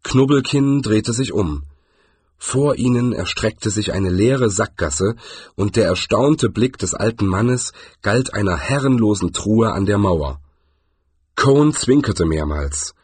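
Male audiobook narrator, husky, animated delivery, dry studio sound. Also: fairly low pitch, slow pace, dry recording. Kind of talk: scripted narration.

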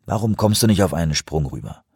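A friendly male station head coaxes and reassures, voiced by a man reading aloud. The voice is husky and dry, recorded close. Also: low voice, animated, quick pace, darkish tone, dry recording.

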